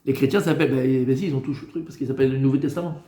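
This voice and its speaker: A man, a rabbi, teaching a class in lively style, often asking questions and answering them himself. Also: mid-range voice, very fast. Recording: echoey room.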